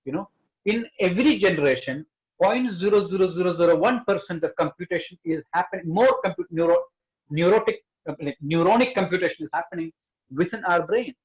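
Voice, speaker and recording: A man's voice: sits high, lively intonation, fairly quick. Emphatic man on a lo-fi line. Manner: earnest, emphatic, repeats key words. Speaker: panelist. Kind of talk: panel discussion.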